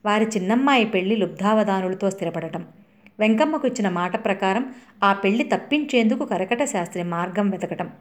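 A woman's voice: medium pitch, darkish tone. A woman reading a short review of a classic play and its film, lifting her voice for quoted dialogue.

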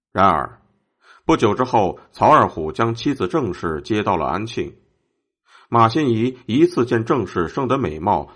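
A man with a low voice tells a historical tale as scripted narration. His delivery is measured, and his pitch rises and falls in a lively way.

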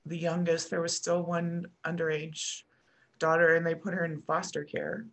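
A middle-aged American woman, appearing on a podcast, recounts something from her own life in a lowish voice with a level tone. She stops and restarts frequently, letting her pauses fade out softly.

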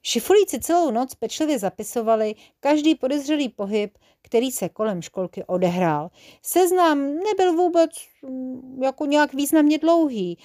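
A woman narrates a children's story in a lively, playful manner. Her voice sits somewhat high.

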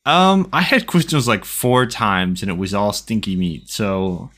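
A man's voice: lowish voice, unhurried, fairly bright tone. A young man co-hosting a casual podcast chat, rambling with hesitant restarts. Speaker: podcast co-host.

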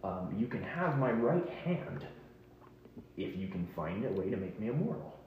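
A man's voice: on the low side, sing-song, normal speed, heavy reverb, dull audio, a little hiss or hum. Man playing a scheming king. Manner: formal, courtly phrasing. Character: scheming king seeking immortality, smooth and threatening.

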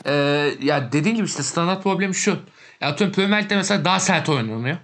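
Young man, rapid talker, brushes off points, casual football chat. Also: sits high, expressive, a bit bright. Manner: quick, dismissive, argumentative.

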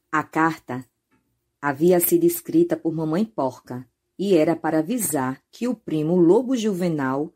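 A woman's voice: on the low side, warm tone. A Brazilian woman, a teacher, narrating a children's story.

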